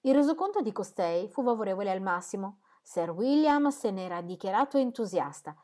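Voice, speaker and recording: A woman narrating a classic novel as an audiobook. Her reading is calm and measured, with a medium pitch and steady phrasing. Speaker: audiobook reader.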